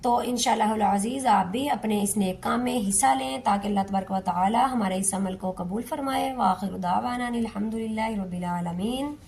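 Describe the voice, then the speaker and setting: A woman teaching Quran recitation to beginners, patiently repeating and stretching each syllable in a slow step-by-step lesson. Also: mid-range voice, creaky, darkish tone, slight background noise.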